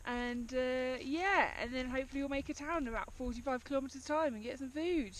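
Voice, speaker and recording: A woman with a high voice records a video diary on a cycling trip. Her nose is blocked and she sounds worn out. She still jokes and chats as she talks. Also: brisk, a little hiss or hum. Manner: tired, joking, chatty.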